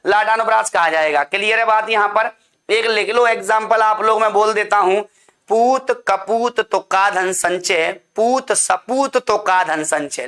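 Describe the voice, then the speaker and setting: A man's voice: sits high, bright, forceful tone. A man teaching an online class, drilling points with repeated questions and answers and calling his students "beta".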